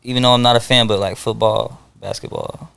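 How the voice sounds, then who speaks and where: A young man from Hawaii, a guest rapper in a casual interview, laid-back and quick to laugh. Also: medium pitch, steady tone, gravelly, fairly bright tone, smooth.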